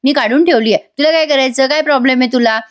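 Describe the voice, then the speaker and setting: A woman's voice: high voice, fast, natural voice. A woman voicing a rude, snappish pregnant young woman. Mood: snappy. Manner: snappish, loud, insolent.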